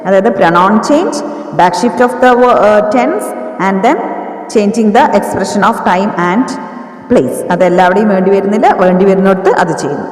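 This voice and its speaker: A woman teaching English grammar, explaining in Malayalam and dictating example sentences slowly word by word. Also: medium pitch, expressive. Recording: echoey room, voice from a distance.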